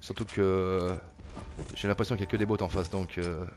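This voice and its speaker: A man's voice: sits low, flat delivery, normal speed, heavy background noise. A man giving casual gameplay commentary as he walks viewers through an online shooter, hesitant and full of fillers and repeated words. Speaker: gameplay tutorial narrator.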